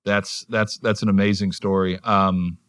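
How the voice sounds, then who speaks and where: A man's voice: low voice, flat delivery, unhurried, a bit bright, dry recording. A man hosting a podcast interview, chatty and encouraging toward his guest. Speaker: podcast host. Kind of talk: conversational interview.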